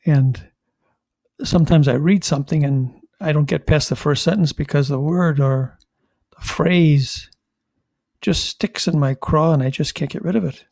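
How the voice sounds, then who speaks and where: Gravelly priest giving a homily. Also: male voice, on the high side, darkish tone, no echo. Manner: conversational, halting with restarts, wry asides. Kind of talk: homily reflection.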